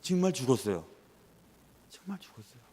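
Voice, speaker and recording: A man preaching a sermon as a pastor, telling stories with lively swings and dropping to a whisper at times. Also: mid-range voice, a little fast, slightly rough, big-room sound.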